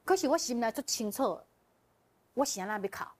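A woman as a guest telling a personal story in casual chat, animated and often laughing as she relives the emotion. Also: fairly high pitch, fairly quick. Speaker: guest sharing a personal testimony.

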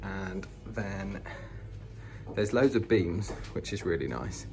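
Low-pitched and expressive, this British vlogger speaks slowly as he narrates a casual walk-through of an old house, moving room to room. He's informal and enthusiastic. The indoor handheld recording is noisy.

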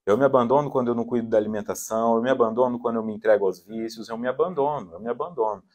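Male lecturer, lively delivery, playful voice switches, mid pitch. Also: rapid-fire. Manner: animated, acts out quoted voices with shifting tone. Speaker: psychologist giving a spiritist talk. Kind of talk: lecture at a spiritist center.

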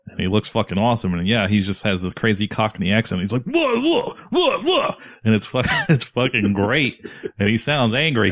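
A man's voice: low-pitched, dry recording. A man co-hosting a podcast, chatting casually in a rambling, profane way and laughing often. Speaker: podcast co-host.

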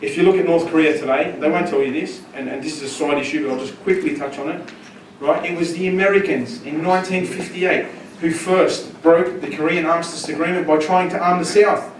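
With a handheld mic, a Syrian-born panelist in his thirties stands in a large lecture room answering a conference question. His fairly high voice is brisk and steady, with hardly any pauses, shifting from chatty, filler-laden talk to growing intensity. Room noise and echo are audible, captured by a distant camera.

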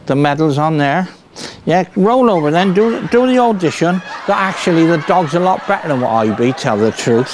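A man's voice: fairly high pitch, animated, moderate pace, a little hiss or hum, lightly acted. A man with a Somerset accent playing a cheerful, bumbling rustic farmer in a stage comedy act, rambling folksily and tagging his lines with "see" and "look". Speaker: comic performer. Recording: piano music playing behind.

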